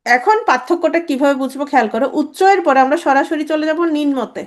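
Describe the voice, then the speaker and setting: A woman teaching a grammar lesson, drilling sounds over and over and quizzing her students with quick questions. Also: high voice. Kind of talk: grammar lecture.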